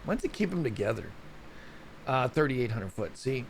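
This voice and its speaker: A show host rambles chattily through a casual solo news report on volcanoes, often tripping over place names. His mid-range voice is very animated and moves at a moderate pace, with a faint hiss or hum behind it.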